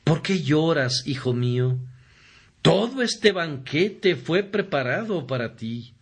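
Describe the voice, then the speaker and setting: A man voicing a loving father who gently comforts his weeping son. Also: a little high, lively intonation, slow pace, husky, heavily acted. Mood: tender.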